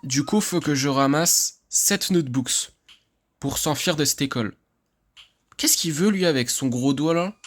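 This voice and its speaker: A man from France giving excitable, chatty let's-play commentary, laughing often and swearing casually. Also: fairly high pitch, a little slow. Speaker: gaming YouTuber.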